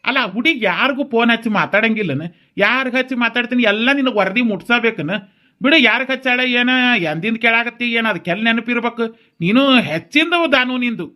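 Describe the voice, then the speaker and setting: Man voicing a calm cartoon father. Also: very high-pitched, fairly quick, exaggerated voice. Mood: placating. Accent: North Karnataka Kannada. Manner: calm, placating. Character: mild middle-aged cartoon father.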